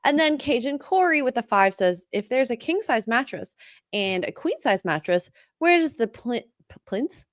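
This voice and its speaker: A woman's voice: a little high, very animated, moderate pace, no room sound, studio quality. A woman co-hosting a podcast, chatting casually, reading viewer messages aloud and laughing often. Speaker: podcast co-host.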